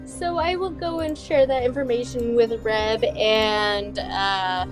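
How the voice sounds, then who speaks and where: A woman's voice: a little high, fairly even intonation, slow pace, over music. A woman playing a tabletop game, asking polite, earnest questions. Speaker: player.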